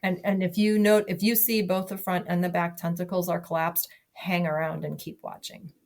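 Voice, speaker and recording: A woman's voice: fairly low pitch, flat delivery, normal speed, a little mellow. A woman talking casually as a podcast guest, chatty, with lots of fillers and restarts. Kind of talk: casual conversation.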